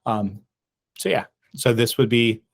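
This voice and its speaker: A man's voice: mid-range voice, steady tone, unhurried, vocal fry. A man co-hosting a casual podcast about advertising, rambling with many restarts and fillers. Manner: rambling, many restarts and ums, laughs at himself. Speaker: podcast co-host.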